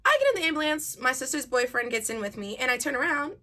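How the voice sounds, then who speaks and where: A young woman casually telling a personal story to her viewers, animated and chatty, laughing now and then. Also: sits high, quick pace. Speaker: vlogger.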